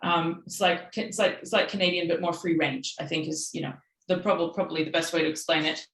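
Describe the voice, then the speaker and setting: A woman from Peru giving a measured, thoughtful online talk over a video call, pausing softly with fillers. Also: on the low side, steady tone, roomy sound, rough recording. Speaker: guest speaker.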